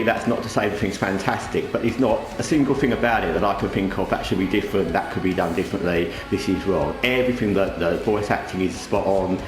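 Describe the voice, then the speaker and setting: A man hosting a gaming channel in casual, rambling commentary, talking with a towel over his head. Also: lowish voice. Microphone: microphone under a towel draped over the head. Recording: roomy echo, faint background noise.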